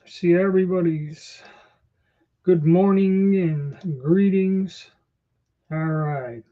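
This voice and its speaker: A man's voice: high voice, slow pace. A man hosting a casual livestream from a small indoor room, rambling conversationally, his speech slightly impeded by new false teeth. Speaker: livestream host. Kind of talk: casual livestream chat answering viewers. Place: small storeroom or office, indoors. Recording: dull lo-fi livestream audio.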